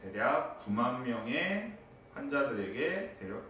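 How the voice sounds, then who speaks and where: A man teaching a high school English class in a classroom, checking on students with frequent tag questions. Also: very animated, slow pace, bright, forceful tone. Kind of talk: classroom lecture. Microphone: far from the mic. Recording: echoey classroom, distant mic, faint noise.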